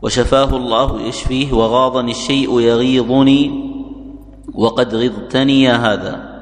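A man reading a classical grammar text aloud, reciting it in a measured way before the teacher. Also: mid-range voice, steady tone, big-room sound.

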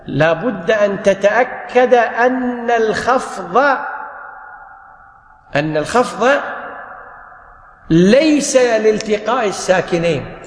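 A man teaching grammar in a class, explaining step by step, repeating key points and answering his own questions. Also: sits high. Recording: echoey hall.

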